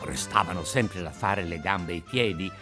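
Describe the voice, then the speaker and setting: A man reading a children's tale aloud as narrator, with expressive, rising and falling storytelling. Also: deep voice, moderate pace. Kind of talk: scripted narration. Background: faint music.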